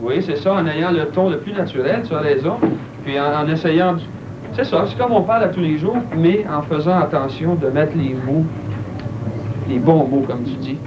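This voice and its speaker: A man's voice: on the high side, moderate pace. Québécois male teacher explaining to kids. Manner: encouraging, explaining, uses fillers like tu sais. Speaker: primary school teacher. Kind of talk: classroom discussion. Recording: dull old recording with clear background noise.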